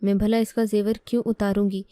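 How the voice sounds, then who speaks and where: A woman's voice: mid-range voice, little pitch movement, brisk, dark tone, no room sound, close to an everyday voice. A woman voicing an arrogant, bullying young sister-in-law in a storybook reading, speaking in a domineering, threatening way. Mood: accusing.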